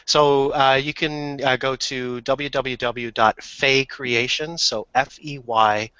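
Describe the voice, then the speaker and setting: A man with a bright, forceful voice hosts a casual podcast chat, steering the talk and laughing easily. The sound is dry and a little dull, like call audio. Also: medium pitch, steady tone, slow, clear, resonant tone, dry recording. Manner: leads the talk, laughs often. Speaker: podcast host.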